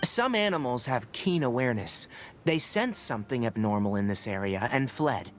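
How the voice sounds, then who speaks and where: An actor voicing a young forest ranger scholar who explains things in a measured, matter-of-fact way. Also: male voice, mid-range voice, animated, a little hiss or hum, lightly acted. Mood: explaining.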